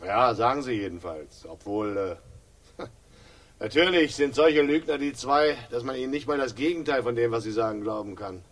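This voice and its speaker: A man with a medium pitch and natural voice speaks at normal speed, acting in a 1960s German radio crime drama. He plays a grimly ironic police inspector, mock-jovial and hesitant, slyly needling and repeating himself.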